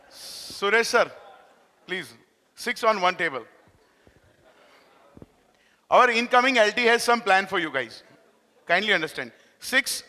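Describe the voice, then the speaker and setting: A man announcing speakers on stage at a business event, speaking in polite, formal phrases with pauses and restarts. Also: sits high, sharp tone. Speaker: event emcee. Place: large event hall. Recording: reverberant hall with faint music.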